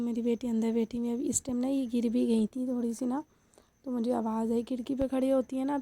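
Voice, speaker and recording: Creaky-voiced woman chatting to viewers. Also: on the high side, warm tone. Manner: chatty, addresses viewers directly. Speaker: housewife vlogger. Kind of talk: casual home vlog chat.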